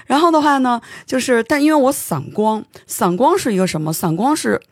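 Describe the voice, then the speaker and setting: A host tells a long story in casual studio chat, words tumbling out quickly and sometimes stammering. The voice is husky and breathy. The sound is dry and close to the mic. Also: mid-range voice, no room sound. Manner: animated storytelling, stammers when excited. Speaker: podcast host.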